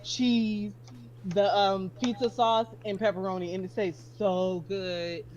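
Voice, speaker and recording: A woman's voice: mid-range voice, fairly even intonation, takes it slowly, darkish tone, highs cut off, slight background noise. A young woman chatting casually on a podcast, giggly and friendly. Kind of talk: casual group chat.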